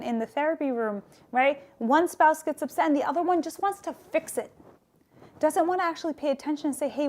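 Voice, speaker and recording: A woman's voice: high voice, darkish tone. A woman who works as a therapist gives an earnest, emphatic talk on relationships and faith, often checking in with "right?". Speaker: therapist and Islamic speaker.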